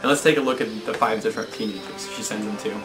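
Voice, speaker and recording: A young man hosting a comedic cartoon review, talking in an excited, mock-indignant way. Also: lowish voice, rapid-fire, echoey room, over loud music, low-quality recording.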